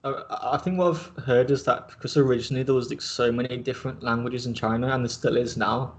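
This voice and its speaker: A man's voice: mid-range voice, quick pace. Young man chatting casually, lots of fillers. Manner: relaxed, rambling, heavy use of 'like'. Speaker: host. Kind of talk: casual chat.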